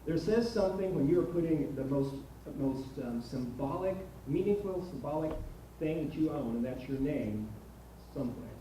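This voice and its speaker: A man hosting a ceremony in a large auditorium, speaking informally and haltingly and repeating words. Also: on the high side, expressive, dark tone. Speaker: ceremony host. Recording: very echoey hall, distant, faint noise.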